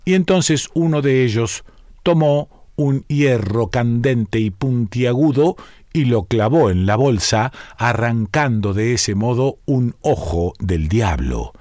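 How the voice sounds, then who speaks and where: A man narrating a folk tale aloud in a measured, deliberate storytelling style. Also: medium pitch, expressive, darkish tone, no room sound, studio quality.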